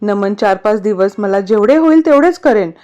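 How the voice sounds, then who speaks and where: A woman voicing a sweet, affectionate young wife who talks warmly and coaxingly. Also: mid-range voice, animated, moderate pace, highs cut off, lightly acted. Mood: gentle.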